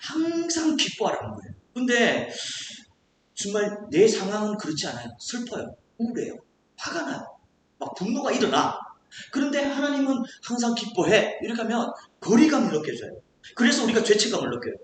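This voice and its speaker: A pastor preaching a sermon in a church, animated and acting out the voices of the people in the stories. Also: medium pitch, brisk, heavy reverb, a little hiss or hum. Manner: animated, acts out quoted voices.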